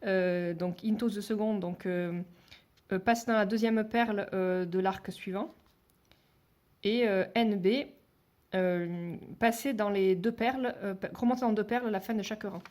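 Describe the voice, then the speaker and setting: A woman's voice: mid-range voice, fairly even intonation, a little slow, a little mellow. A woman giving a step-by-step beading tutorial, talking hesitantly with many fillers and restarts, and dropping to a near whisper while she counts beads. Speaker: beading instructor.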